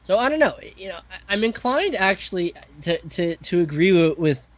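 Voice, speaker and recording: This podcast guest, a composer, has a high voice with big pitch swings and speaks at a moderate pace. The casual, thoughtful talk is packed with fillers, restarts and self-corrections, captured on dull audio without echo.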